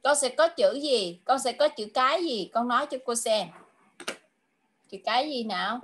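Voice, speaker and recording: High-voiced woman coaxing a child. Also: lively intonation, a bit bright, a little hiss or hum. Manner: coaxing, repeats questions patiently; slow, drawn-out English clues. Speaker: tutor. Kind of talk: online English lesson for a child.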